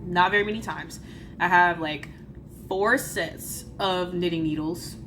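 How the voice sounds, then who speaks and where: Stuffy-nosed from a cold, this woman sounds congested as she jokes at her own expense in a casual crafting vlog with voice-over. She speaks a little slowly in a lowish, fairly bright voice, and there's a faint hiss or hum.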